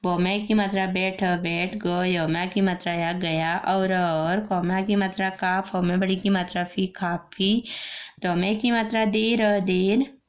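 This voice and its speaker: A woman school teacher slowly spelling out a children's reading lesson syllable by syllable, repeating each word after she builds it. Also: medium pitch, steady tone. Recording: muffled lo-fi recording.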